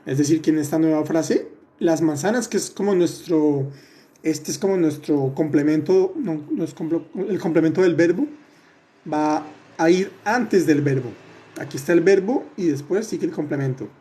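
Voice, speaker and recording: Patient male online French teacher, a bit high and mellow in tone, repeats and checks in often. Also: normal speed. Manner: addresses students by name, corrects their answers. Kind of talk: live online class.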